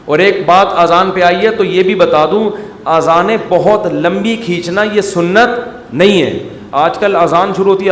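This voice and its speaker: A fairly high-voiced man delivers a lively sermon, talking to the crowd in a conversational tone and breaking into drawn-out chanted imitations. His voice rings through a large echoing hall with a long reverb tail. Faint room noise sits underneath. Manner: animated, mimics long-drawn calls to prayer, conversational asides. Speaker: Islamic preacher. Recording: echoey hall with faint ambience.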